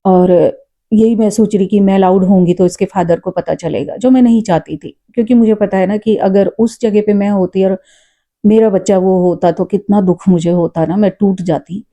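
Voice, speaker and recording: A woman tells a personal story in an earnest, reflective way, often pausing with fillers. Her voice is very dark and mellow. Her pitch sits in a middle range. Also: steady tone. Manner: says she talks loud and forcefully. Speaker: storyteller vlogger; mother. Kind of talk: casual spoken storytelling.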